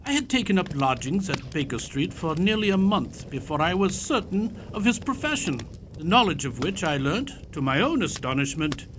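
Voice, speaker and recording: Actor as animated, old-fashioned Doctor Watson. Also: male voice, fairly high pitch, normal speed, few pauses, slight background noise. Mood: reminiscing. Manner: courtly, old-fashioned turns of phrase. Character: genial elderly Doctor Watson reminiscing, Victorian English gentleman. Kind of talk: audio theatre storytelling.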